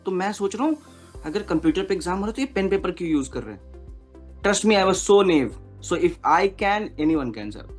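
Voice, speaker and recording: A man's voice: sits high, lively intonation, moderate pace, soft background music. A man in his thirties from Kolkata, speaking as an interview guest in an earnest, hesitant way with many fillers, switching between English and Hindi. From Kolkata, India. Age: 30s. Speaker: interview guest, bank officer. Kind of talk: casual interview talk.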